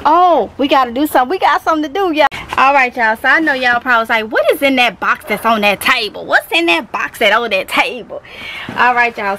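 A woman's voice: fairly high pitch, sharp tone, a little hiss or hum, poor audio. A woman from Mississippi with a Southern accent, chatting casually to her viewers while she works in a small greenhouse, repeating herself and calling them y'all. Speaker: gardening vlogger. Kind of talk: casual talk to camera while gardening. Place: small greenhouse tent, outdoors.

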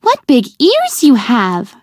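Woman acting a innocent little storybook girl, high-pitched, singsong, exclaiming, very animated. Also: takes it slowly, dry recording, studio quality, full character voice. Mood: amazed. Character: sweet, innocent little girl of a fairy tale.

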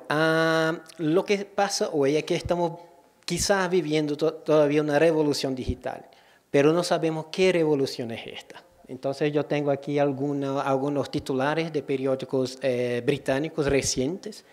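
Man, fairly high voice, Brazilian accent, native Portuguese, mixed Portuguese-Spanish speech, hesitant restarts, conference lecture. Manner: Portuguese-Spanish mix, hesitant with repeated word starts. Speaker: conference speaker, digital curator. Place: auditorium, indoors. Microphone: gooseneck podium microphone.

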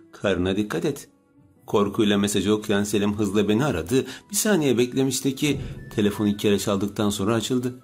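A man reads an audiobook in a steady, measured voice. His tone sits low. Soft music runs faintly underneath. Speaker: audiobook narrator. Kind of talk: scripted narration.

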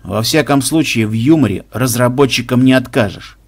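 A man's voice: mid-range voice, normal speed, close to an everyday voice. A man voicing a skeptical, grumbling male game tester in an audiobook. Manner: grumbling, scolding.

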